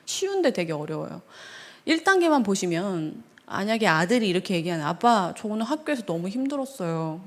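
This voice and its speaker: A woman pastor giving a seminar lecture in a church hall, animated, acting out quoted dialogue and asking the audience questions. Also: medium pitch. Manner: animated, acts out quoted dialogue in changing voices.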